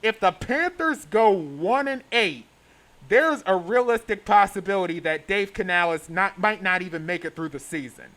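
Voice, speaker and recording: A man's voice: high voice, expressive, normal speed, a bit bright. A man hosting a sports vlog, delivering an opinionated rant in an exasperated, emphatic way. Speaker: sports show host.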